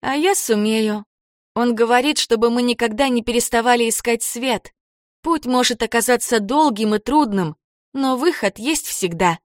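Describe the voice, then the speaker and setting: A woman voicing a gentle, dreamy young woman guide, speaking softly and earnestly in an audiobook. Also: a little high, normal speed, no echo, clean studio sound, pitched above the performer's own voice, close to an everyday voice.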